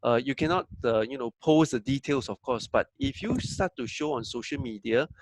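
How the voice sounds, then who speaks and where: A man's voice: mid-range voice, lively intonation, normal speed, dry recording, low-quality recording. Man. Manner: conversational, acts out quoted dialogue, frequent fillers. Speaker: business coach and trainer. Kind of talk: presenting a training talk.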